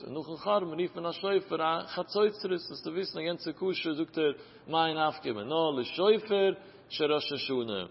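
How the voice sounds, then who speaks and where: A man's voice: a little high, slight background noise. A man with a Yiddish-inflected accent giving a Talmud lesson in a rising and falling study chant. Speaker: Torah teacher. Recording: muffled, echoey lo-fi hall recording.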